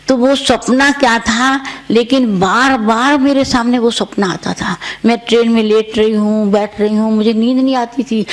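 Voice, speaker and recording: An older woman, a senior spiritual teacher, recounting her dreams to a retreat audience in a gentle storytelling way, repeating her phrases as she goes. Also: mid-range voice. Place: retreat centre.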